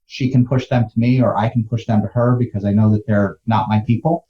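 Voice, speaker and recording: A man's voice: fairly low pitch, steady tone, a little fast, dull audio. A man talking casually as a business guest in a conversation.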